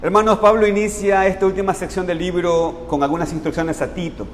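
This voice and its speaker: A man's voice: high-pitched, little pitch movement, brisk, a little hiss or hum. Earnest man preaching in a reverberant church. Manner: addresses congregation as brothers, earnest and explanatory. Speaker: pastor. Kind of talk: sermon. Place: church sanctuary.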